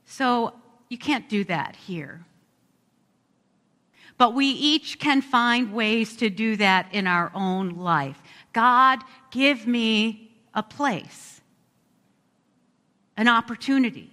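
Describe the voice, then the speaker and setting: Woman pastor praying real slow, bright clear voice, big echoey church ringing behind every word. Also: on the high side. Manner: slow, reflective, heartfelt praying. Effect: long echo of a large church hall. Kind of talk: spoken pastoral prayer. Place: church sanctuary during a service. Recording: reverberant church sanctuary.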